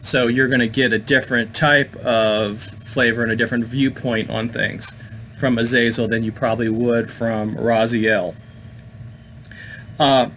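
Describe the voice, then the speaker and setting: A man's voice: mid-range voice, a bit bright, poor audio. Rambling man hosting occult talk, faint hum. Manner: meandering, many fillers and restarts. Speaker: host. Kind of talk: casual talk on occult topics.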